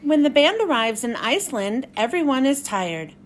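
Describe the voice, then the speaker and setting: A woman host reading a storybook aloud for children in an expressive way. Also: high voice, moderate pace, slight background noise. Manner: expressive, clearly addressed to young children.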